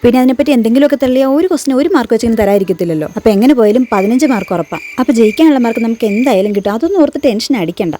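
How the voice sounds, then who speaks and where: A woman playing a lazy student who loudly boasts she can bluff through any exam. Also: a little high, expressive, rapid-fire, few pauses, a little hiss or hum, natural voice. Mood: boastful. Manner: loud, boastful reassuring.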